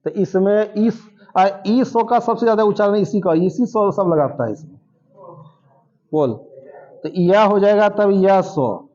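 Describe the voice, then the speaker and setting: Slow, high-voiced teacher. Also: male voice, warm tone, dull audio. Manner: drills sounds aloud, quizzes students. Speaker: coaching teacher. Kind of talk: classroom lecture. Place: classroom.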